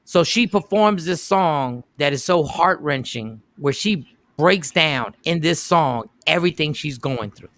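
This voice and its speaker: Bright-voiced man telling a story. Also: fairly high pitch, a little slow, dry recording. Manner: animated retelling with quoted voices and emphatic repeats. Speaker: radio show host. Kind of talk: casual on-air storytelling.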